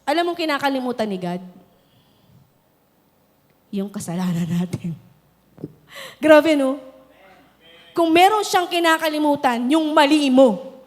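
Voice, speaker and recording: A woman pastor preaching a sermon, moving from quiet, conversational storytelling to shouted exhortation. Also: sits high, animated, a little slow, pauses often. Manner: preaching in mixed Tagalog and English, building to shouted exhortation. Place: large church hall. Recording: reverberant hall.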